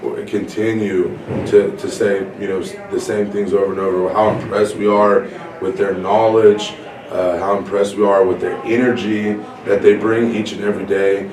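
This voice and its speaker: A hoarse man, a football defensive coordinator, answers questions in a measured way with fillers and restarts. His voice is lowish and worn. He is recorded from a distance in an echoing space, with a loud crowd in the background. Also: flat delivery. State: hoarse, voice nearly gone. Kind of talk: casual interview. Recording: echoey and distant with crowd noise.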